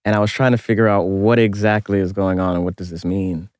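A man's voice: low voice, fairly even intonation, quick pace, a little mellow, no room sound, clean studio sound. A man, an archaeologist interviewing a guest, telling a personal story in an earnest, reflective way.

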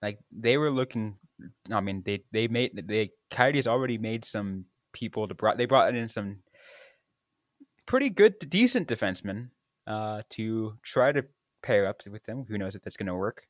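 A man hosting a casual sports podcast, talking in halting bits with many restarts. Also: lowish voice, lively intonation, no echo, studio quality. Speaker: podcast host. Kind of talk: casual chat.

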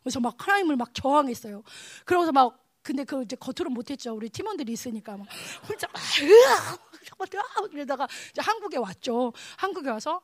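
High-voiced woman preaching emotionally. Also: fast talker, hardly any pauses, dry recording, studio quality. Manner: emotional, animated, swings to hushed tones. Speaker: evangelist preaching. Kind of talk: sermon with personal testimony.

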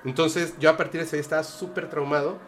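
A man's voice: on the high side, steady tone, fast, a little hiss or hum. A man with a Mexican Spanish accent telling a personal story on a podcast, earnest and hesitant with many fillers and restarts. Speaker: podcast guest. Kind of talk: casual storytelling.

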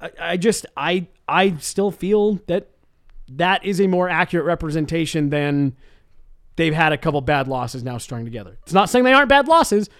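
A man with a high voice and a very dry sound. He chats casually as a sports show co-host, making his case emphatically and often restarting mid-thought. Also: expressive, normal speed, a bit bright, dry recording.

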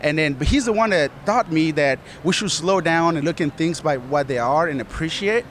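Male guest from Colombia, earnest and rambling, slightly high, light outdoor noise. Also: animated, normal speed. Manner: earnest, rambling, many "you know"s. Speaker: studio manager, guest. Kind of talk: casual interview answers.

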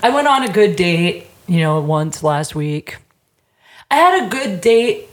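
A woman's voice: lowish voice, big pitch swings, measured pace, roomy sound, slight background noise. A woman chatting casually and candidly in informal, slangy language, with lots of "like".

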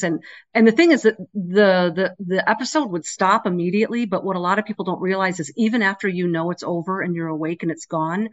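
A middle-aged woman speaking as an interview guest over a remote connection, earnest and emphatic in conversational testimony. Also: fairly low pitch. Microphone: remote call connection. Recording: dull, band-limited remote call.

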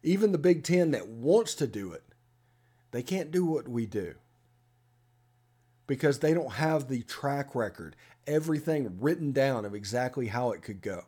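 Emphatic man, mellow voice. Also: medium pitch, moderate pace, slightly rough. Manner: emphatic, animated opinions. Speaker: sports podcast host. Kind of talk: opinionated sports talk and host-read ad.

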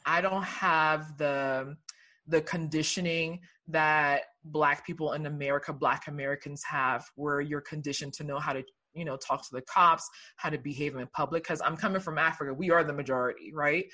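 Liberia-born woman, bright clear voice, earnest storytelling in a chat. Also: sits low, fairly even intonation, moderate pace. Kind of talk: casual conversation.

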